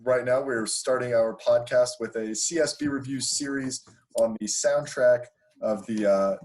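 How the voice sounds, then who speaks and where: A man's voice: mid-range voice, unhurried, darkish tone. A man hosting a casual podcast, joking around with friends and rambling through lots of filler words. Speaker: podcast host.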